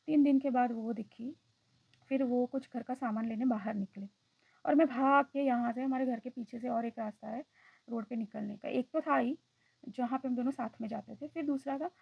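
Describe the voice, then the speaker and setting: A woman's voice: on the high side, normal speed, gravelly, slightly rough, no room sound, dull audio. A woman vlogger telling a personal story in a reflective, hesitant way, often slipping into English phrases.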